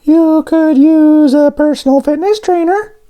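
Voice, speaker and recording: A man voicing a small, eager male talking doughnut in a storybook, with a squeaky, childlike falsetto. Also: a little slow, warm tone. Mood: eager, upbeat.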